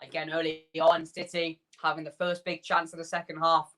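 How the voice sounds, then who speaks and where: A man hosting a fan watchalong, calling the match player by player in quick bursts and chatting with his viewers between the action. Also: a little high, completely flat delivery, pushed and bright. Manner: rapid player-by-player calls, chatty asides to viewers. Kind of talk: live play-by-play fan commentary.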